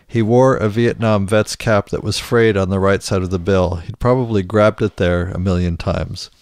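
Podcast co-host, man, deep-ish, halting casual delivery with fillers. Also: fairly even intonation, a little mellow, clean tone, no echo. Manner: hesitant, many restarts and fillers. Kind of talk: casual chat, reading book excerpts aloud.

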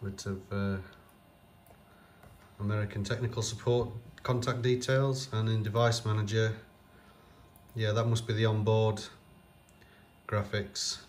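With a fairly low, level voice, a man talks unhurriedly and pauses often while he restores an old computer off camera. A little hiss or hum sits under his casual vlog commentary, which is hesitant and full of fillers as he thinks aloud.

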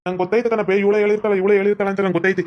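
A man's voice: high voice, flat delivery, racing, highs cut off, lightly acted. A man voicing a resentful young husband in a cartoon comedy, grumbling in a North Karnataka Kannada accent.

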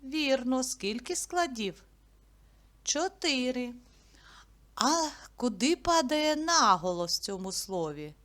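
Slow, higher-pitched woman teacher. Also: a bit bright. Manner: asks questions, then answers them herself, stretching words slowly. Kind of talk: slow, clear classroom lesson narration.

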